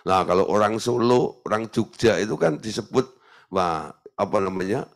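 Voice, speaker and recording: Man, pastor, sermon, playful mimicry, very lively pitch. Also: moderate pace, creaky. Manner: animated preaching with jokes and playful mimicry.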